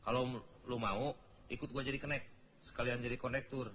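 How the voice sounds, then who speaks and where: A man's voice: medium pitch, fairly even intonation, a little fast, lo-fi sound, a little hiss or hum. A Sundanese man performing a comedy sketch, scolding his partner with exasperation and laughter.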